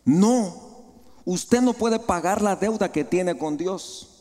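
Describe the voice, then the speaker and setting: A man with a Guatemalan Spanish accent preaching a sermon, rising high, then dropping to soft, low asides. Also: takes it slowly. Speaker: pastor. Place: large church hall. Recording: long hall reverb.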